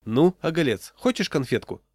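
Storybook: easygoing hearty drinker, a male reader doing him, raised pitch, dry close sound. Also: sing-song, normal speed, a little mellow, no room sound. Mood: coaxing.

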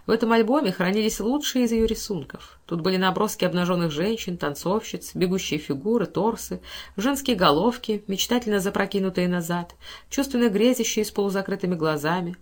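A woman narrating a classic novel in an audiobook with measured, expressive reading. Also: medium pitch.

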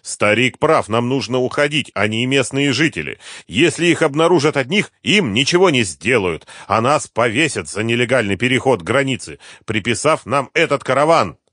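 A man's voice: medium pitch, normal speed, few pauses, dry recording, clean studio sound, voice pushed up. Man doing a level-headed smuggler's helper. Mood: urgent. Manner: calm reasoning, then urgent.

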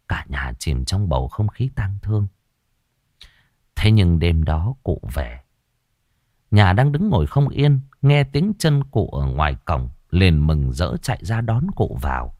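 Deep-voiced male storyteller, lively, dramatic pitch swings, suspenseful ghost-story read. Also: no room sound, clean studio sound.

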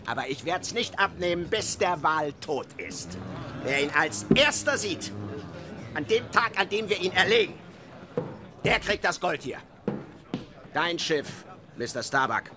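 Captain Ahab, high-pitched, commanding whaling skipper. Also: male voice, sing-song, a little slow, long pauses, over music. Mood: grim, resolute. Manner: commanding, barking orders. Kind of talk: radio drama acting.

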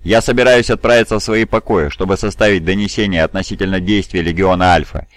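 A man's voice: deep voice, fast, no room sound, natural voice. A man voicing a stern, domineering male lord-commander giving cold orders. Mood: commanding.

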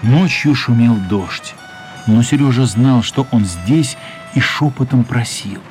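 Faint music sits beneath a man's husky narration of a children's story, performed as a scripted radio drama. He lingers over dramatic, expressive phrasing at a medium pitch.

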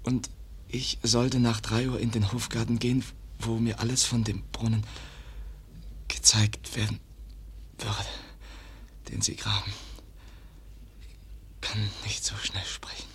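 In a radio play, an actor portrays Kaspar, a young man weakened by a stab wound, who whispers breathily in broken, clipped, halting sentences with a weak, faltering mood. The man's voice is on the low side, with flat, slow delivery and slight background noise.

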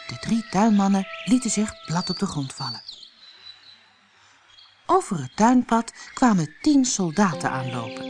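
A woman reading a fairy tale aloud as an audiobook, telling it expressively. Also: on the low side. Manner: expressive storytelling. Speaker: audiobook reader.

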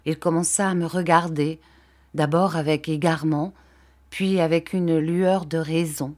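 A woman reading a classic novel aloud as an audiobook narrator, measured and even. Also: deep voice. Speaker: audiobook reader. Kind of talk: scripted narration.

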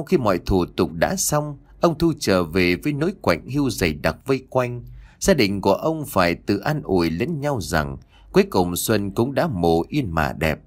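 Male storyteller for a horror audiobook: low, dramatic, widely swinging pitch. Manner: dramatic, expressive reading. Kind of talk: scripted horror story narration.

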